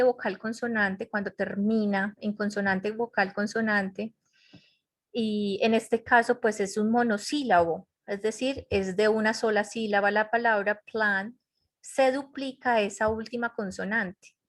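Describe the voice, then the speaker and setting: A woman's voice: a little high, a bit bright. A woman teaching English grammar in an online class, explaining step by step and checking in with her students. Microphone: computer mic in a web conference.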